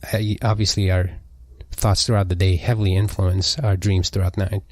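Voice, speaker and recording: Man, mellow tone, low pitch, easygoing podcast co-host. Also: flat delivery, fairly quick. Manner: easygoing, prompts his co-host to go on. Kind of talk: casual podcast chat.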